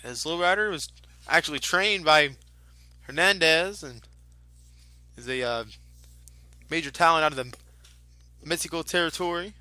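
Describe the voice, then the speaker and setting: A man giving ad-libbed lucha libre match commentary in the manner of an excitable wrestling announcer. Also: fairly high pitch, normal speed, long pauses, no room sound. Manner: excitable announcer, exclaiming at moves.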